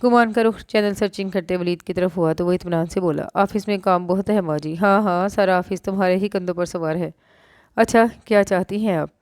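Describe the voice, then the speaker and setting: A woman with a Pakistani Urdu accent reading a romance novel aloud, voicing every character herself and lifting her pitch for the dialogue. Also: a little fast, a little mellow, no echo, studio quality. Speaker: novel narrator. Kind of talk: audiobook narration of a romance novel.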